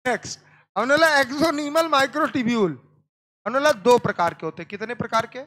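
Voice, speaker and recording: A man's voice: very high-pitched, quick pace, a bit bright. A male biology teacher lecturing a classroom, repeating terms and asking students again and again whether they understood. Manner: keeps quizzing the class with repeated questions; calls students "beta".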